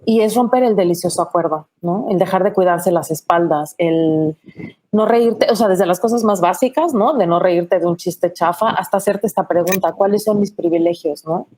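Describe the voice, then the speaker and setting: A woman gives her view on a webinar panel. Her voice sits fairly low. She speaks in a reflective way and often closes her points with a tag question. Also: moderate pace, a little mellow.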